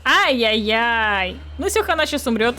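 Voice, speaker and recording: A woman reacts to clips in a casual, playful way, like a cute anime streamer. Her voice sits high, and there is light music behind her. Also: fast, a bit bright. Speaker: streamer reacting to a clip compilation. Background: music and sounds of watched clips.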